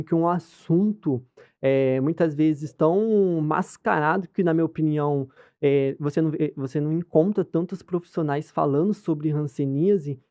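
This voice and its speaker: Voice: mid-range voice, warm tone, dry recording, clean studio sound. A podcast host interviewing a guest casually, speaking informally with lots of "tipo assim" and "né".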